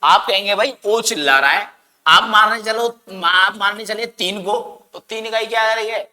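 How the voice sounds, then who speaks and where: Heavy, long-echoing reverb surrounds a man teaching grammar for an exam, who questions his students, answers for them and dramatically lengthens words to emphasize them. He speaks at a moderate pace in a high-pitched, sharp tone.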